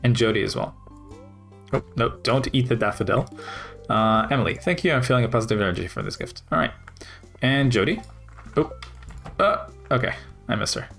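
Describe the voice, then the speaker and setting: A man's voice: mid-range voice, expressive, brisk, gravelly, long pauses, fairly bright tone, faint music behind. A man casually commenting while playing a video game, rambling and thinking aloud with many fillers. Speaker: gaming video host.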